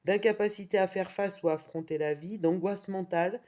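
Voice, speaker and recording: A woman's voice: medium pitch, a little fast, dark tone. A woman giving a weekly tarot reading, reading out card meanings with wry asides. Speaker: tarot reader.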